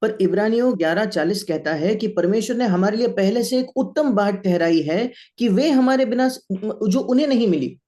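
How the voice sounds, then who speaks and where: High, mellow male interpreter. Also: lively intonation, normal speed, few pauses. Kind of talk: sermon interpretation.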